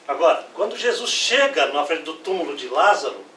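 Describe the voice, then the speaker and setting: A man preaching with a high, bright voice and a lively delivery, acting out the words of the scripture. He is recorded from a distance in an echoey church hall, and a faint ambience sits behind him. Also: a little fast, background noise. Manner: lively preaching, acts out Bible quotes. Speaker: pastor. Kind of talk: sermon. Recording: echoey room, voice from far off.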